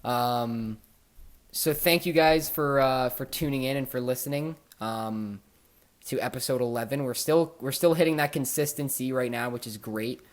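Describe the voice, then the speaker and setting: Swearing, animated male podcast host. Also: medium pitch, normal speed. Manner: animated storyteller, swears often. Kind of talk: casual podcast chat.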